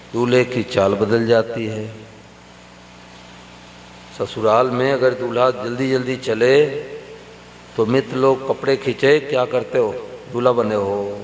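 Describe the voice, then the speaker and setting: Male preacher, mid pitch, unhurried storytelling sermon to a crowd, roomy hall reverb with faint hum. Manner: slow, storytelling, addresses the audience directly. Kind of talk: devotional sermon.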